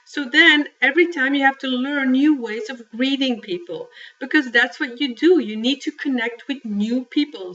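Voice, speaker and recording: Woman presenter, fairly high voice, casual slide talk, recorded from a distance. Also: a bit bright, lo-fi sound. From Belgium. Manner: chatty, friendly, talks with filler and restarts. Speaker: speaker on cultural greetings.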